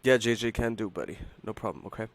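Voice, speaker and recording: A man hosting a live trading stream talks casually to viewers, calling them buddy and man, though he halts and repeats himself. He sounds unwell, his fairly low voice hoarse and strained and not its usual self.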